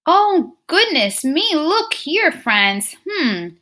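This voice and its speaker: A teacher reads a picture book aloud to young pupils in a fairly high, very animated voice, going very slowly. Expressive throughout, she muses aloud with humming and keeps asking the children questions directly.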